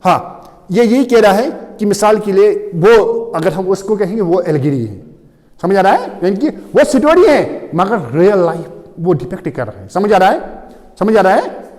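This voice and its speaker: A man teaching an English literature lecture, switching between Hindi and English, reading definitions slowly and often checking that students follow. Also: high voice, big pitch swings, a little mellow. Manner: mixes Hindi and English, keeps asking if students understand; reads definitions slowly and deliberately. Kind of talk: classroom lecture. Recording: long reverb of a hall.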